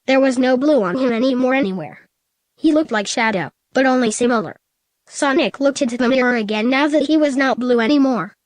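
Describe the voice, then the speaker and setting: A woman reading fan fiction aloud in a steady, plain way. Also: high voice, a little fast, no room sound.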